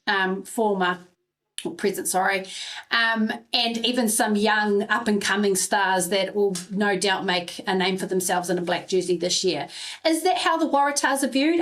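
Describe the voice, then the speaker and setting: A woman hosting a podcast, chatty and enthusiastic, piling up several questions at once for her guest. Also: medium pitch. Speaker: podcast host. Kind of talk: casual podcast interview.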